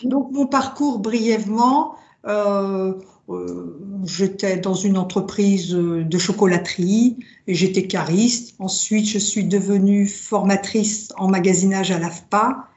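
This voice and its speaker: Born in France to Italian parents, with Italian as her first language, a woman who makes drums tells her personal story as a guest in a casual interview. She speaks slowly and reflectively in a medium-pitched, darkish voice, hesitating with many pauses and fillers. The recording sounds roomy, dull and lo-fi.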